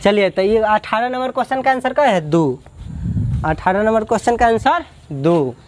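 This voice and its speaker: A man teaches an exam-prep math lesson, checking each step aloud and asking his pupils whether they follow. His voice sits a little high for a man. A faint background noise runs under the recording. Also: expressive, normal speed. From Bihar, India. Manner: addresses students as "my brave ones, my lions", drills and asks back.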